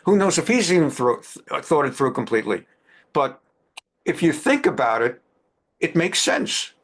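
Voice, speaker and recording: Emphatic male lecturer, higher-pitched. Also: sing-song, moderate pace, a bit bright. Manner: emphatic, repeats phrases for stress. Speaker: religious teacher. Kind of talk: lecture on current events.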